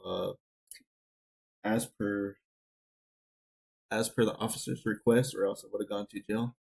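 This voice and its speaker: Guy streaming games from home, kinda low voice, rambly and full of ums. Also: steady tone, measured pace, gravelly, darkish tone, husky, rough recording. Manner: rambling, filler-heavy, talking to chat and a friend. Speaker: gaming streamer. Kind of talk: casual live-stream chat. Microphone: desk mic.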